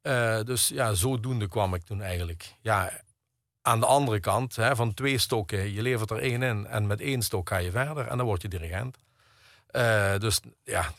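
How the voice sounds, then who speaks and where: A man's voice: on the low side, normal speed, a bit bright, dry recording, clean studio sound. A middle-aged man, a percussionist and conductor talking hesitantly in an interview, full of fillers and restarts. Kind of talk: radio interview conversation.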